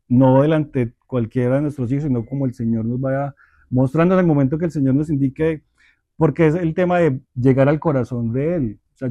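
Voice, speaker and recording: A man teaching a church parenting class, speaking in a measured, deliberate way and often checking in with his listeners. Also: fairly high pitch, mellow, no room sound. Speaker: Bible study teacher.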